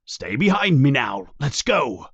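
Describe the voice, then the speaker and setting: A man's voice: mid-range voice, sing-song, unhurried, fairly bright tone, husky, no room sound, highs cut off, exaggerated voice. A man voicing a bossy, officious teenage boy prefect who gives commands in a storybook reading. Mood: commanding.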